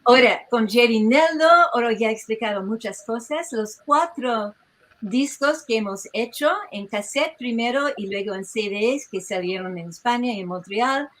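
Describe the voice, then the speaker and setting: A woman presenting as a researcher at an online tribute, talking in a lively, digressive way that often breaks off mid-phrase, heard through a video-call microphone. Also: a little high, moderate pace, poor audio. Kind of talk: informal presentation to an online audience.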